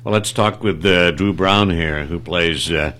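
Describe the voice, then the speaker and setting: A man's voice: low voice, measured pace, a bit bright. A man hosting a casual interview, chatty and asking follow-up questions. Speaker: interviewer host.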